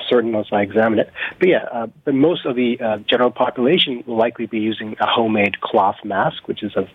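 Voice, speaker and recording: A man's voice: mid-range voice, breathy edge, no echo. A man giving articulate, academic answers as an interview guest over a phone-like connection. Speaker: expert guest, epidemiologist. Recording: narrow tinny phone-like line.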